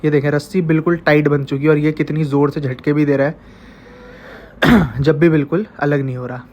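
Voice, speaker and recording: A man's voice: on the high side, level tone, a little fast, muffled recording. A man with a stuffy, congested voice narrates a casual vlog while feeding his goats and chickens, coaxing the animals as he goes. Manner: chatty, coaxing the animals directly. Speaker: vlogger raising goats and chickens at home.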